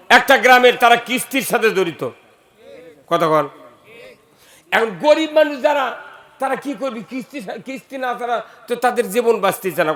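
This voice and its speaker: Male preacher, North Bengal Bangla accent, very high and bright voice, fiery delivery with shouts and questions to the crowd. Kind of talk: sermon.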